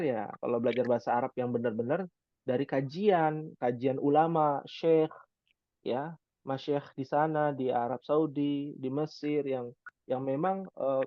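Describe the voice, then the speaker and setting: A man's voice: mid-range voice, no room sound. Man teaching Arabic, dry lo-fi sound. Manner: conversational, rhetorical questions, frequent "ya" fillers. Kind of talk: online class lecture.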